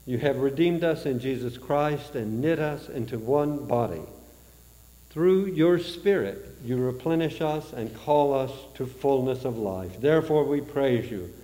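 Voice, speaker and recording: A man leads the Eucharist as priest, his mellow voice moving through the prayer at an unhurried, measured pace. Every phrase rings out with a cathedral echo, a long reverb filling a large church. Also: medium pitch, lively intonation. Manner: slow, measured liturgical recitation.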